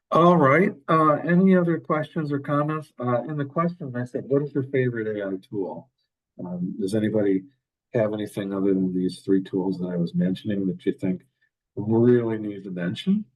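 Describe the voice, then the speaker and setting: Low-voiced man presenting a webinar. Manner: halting, many fillers and restarts. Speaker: workshop presenter.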